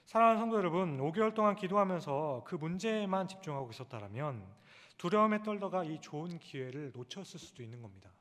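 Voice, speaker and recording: A middle-aged male pastor preaching at a Friday prayer service, earnest, rising to loud calls and dropping to hushed low lines. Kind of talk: sermon. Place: church sanctuary. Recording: long church-hall reverb.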